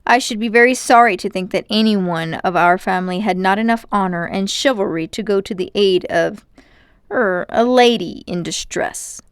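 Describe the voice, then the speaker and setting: A woman's voice: medium pitch, normal speed, smooth, no room sound, studio quality, lightly acted. Woman acting pompous, vain older magician uncle. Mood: high and mighty. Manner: haughty, indignant, grandiose. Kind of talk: acted storybook dialogue.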